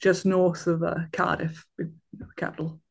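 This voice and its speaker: A man's voice: sits high, level tone, measured pace, gravelly. A man in his thirties, chatting casually as a guest and rambling with fillers and restarts. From Wales. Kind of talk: casual conversation.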